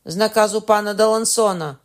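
A woman's voice: deep voice, normal speed, darkish tone. A woman playing a defiant young nobleman howling under torture. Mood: howling pain. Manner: mocking, then howling in pain.

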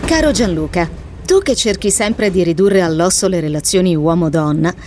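A woman reading a scripted first-person letter in a measured, confessional manner. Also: mid-range voice, darkish tone. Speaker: reader of a listener's letter. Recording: faint background noise.

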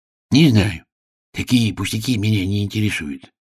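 A man voicing a vain, capricious, suspicious little male king in an audiobook drama, with a husky low voice. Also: moderate pace, a little mellow, dry recording, clean studio sound.

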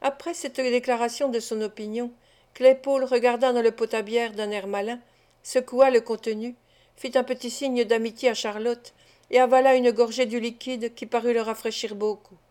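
A woman reads a classic novel aloud as an audiobook narrator, measured and even in her storytelling. Her voice sits somewhat high and stays clear. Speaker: audiobook reader. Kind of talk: scripted narration.

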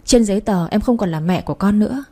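A coolly composed wife speaks in even, controlled sentences, voiced by a woman narrating the story. Her tone is warm and dark-leaning, with no bright edge. It is told as an audiobook romance story. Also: mid-range voice, quick pace, lightly acted. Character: cold calm wife who got her revenge.

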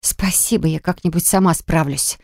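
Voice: medium pitch, normal speed, creaky, a little mellow, no echo, clean studio sound. A narrator voicing a defiant young woman who owns a pastry shop and answers back indignantly. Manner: indignant, stubborn. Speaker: storybook character.

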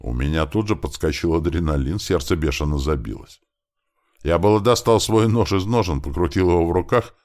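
A man's voice: low-pitched, a little fast, darkish tone. A man narrating a first-person adventure audiobook in a casual, slangy storytelling manner.

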